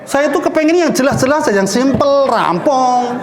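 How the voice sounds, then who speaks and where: A man's voice: extremely high pitch, normal speed. A man with a Javanese accent preaching in a mosque, telling a story and putting questions to the congregation. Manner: lively, mixes in Javanese phrases, asks the congregation questions.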